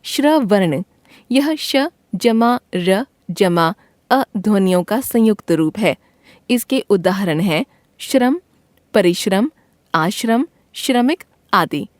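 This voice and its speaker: A woman reads a textbook grammar lesson aloud at a very slow, deliberate pace, spelling out each letter and example word one at a time. Her voice sits at an ordinary middle pitch. The sound is close and dry, with no room echo. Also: expressive, a little mellow. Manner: slow, careful reading of letters and word lists. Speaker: teacher.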